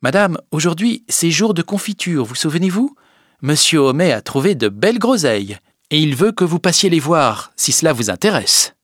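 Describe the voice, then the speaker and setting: A man's voice: fairly high pitch, sing-song, normal speed, no echo, clean studio sound, pitched above the performer's own voice. A man reading an audiobook, voicing an eager, chatty household maid in a raised voice.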